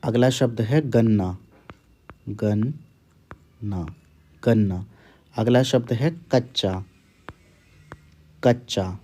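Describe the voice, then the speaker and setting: A man's voice: mid-range voice, slow pace, long pauses, a little mellow. A man teaching Hindi, dictating words and repeating each one twice. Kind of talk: word dictation.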